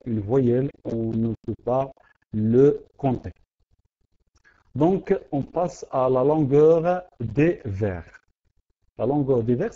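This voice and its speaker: Man, teacher, slow, halting, repeats himself, muffled recording. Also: medium pitch, mellow. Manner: hesitant, repeats words and fills with euh. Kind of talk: online lesson. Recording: dull lo-fi audio.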